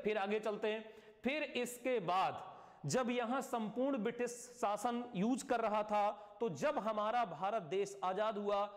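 A male teacher giving a live online class lecture, often repeating key words and checking "clear?". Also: high-pitched, big-room sound.

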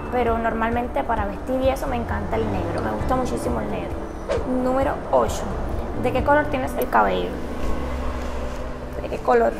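A Cuban woman in her late twenties, a YouTuber with a Cuban Spanish accent, chats to the camera in a casual vlog, answering viewer questions one by one. Her voice is fairly high with vocal fry, and she's indoors in a large room with tables.

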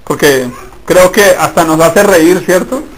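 A male pastor preaching a sermon in church, emphatic and addressing the congregation directly, moving between loud and hushed. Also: high voice, unhurried, slight background noise, low-quality recording.

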